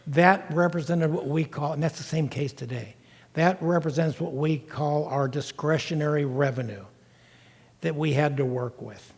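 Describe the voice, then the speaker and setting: A man's voice: a little high, normal speed, darkish tone. An older man giving a public lecture as a first-person account, explaining with emphasis and addressing his listeners directly. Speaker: guest lecturer recounting time in county government. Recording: echoey lecture hall, long reverb.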